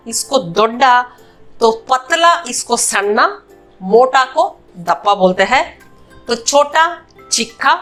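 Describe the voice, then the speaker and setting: Brief: female language teacher, high bright pitch, patient drilling of word pairs, faint music underneath. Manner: repeats each word pair patiently, slows on key words. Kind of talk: spoken language lesson.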